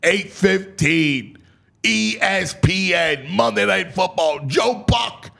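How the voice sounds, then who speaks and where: An American man hosts a sports talk show, breaking down a schedule with theatrical, announcer-style proclamations and offhand asides. His voice is high and gravelly with a sharp edge, and he takes his time. The delivery is dramatic and animated.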